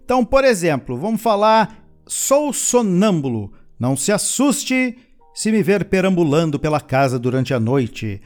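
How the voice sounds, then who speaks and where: A man teaching English vocabulary in a lesson, chatting casually in his explanations and slowly modelling sentences for learners to repeat, with playful asides. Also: high-pitched, sing-song, a little mellow, soft background music. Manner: switches between chatty explanations and slow, careful model sentences. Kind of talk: language lesson with repeat-after-me drills.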